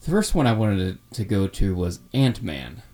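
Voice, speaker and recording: Another thirty-something podcast co-host speaks with a fairly low, dark-toned voice, very animated and at a moderate pace. His casual chat wanders, packed with fillers and false starts.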